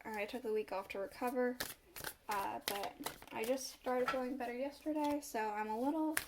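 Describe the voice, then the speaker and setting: A woman with a slightly high, steady voice speaks at normal speed, with background noise, during a casual tarot reading to camera. She muses aloud as she turns the cards, a bit congested from a cold and coughing slightly.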